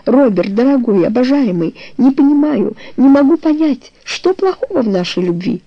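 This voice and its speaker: A woman's voice: high-pitched, lively intonation, normal speed, lo-fi sound, voice pushed up. A woman voicing a young woman in love in a storybook reading, pleading and tender.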